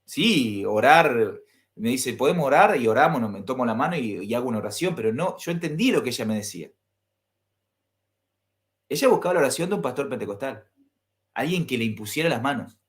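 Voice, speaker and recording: A man with an Argentine accent speaks as a pastor recounting an experience of his own. His delivery is animated, and he acts out each exchange. He keeps turning to his listeners with questions. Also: medium pitch, fairly quick. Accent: Argentine Spanish. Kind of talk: personal storytelling to an audience.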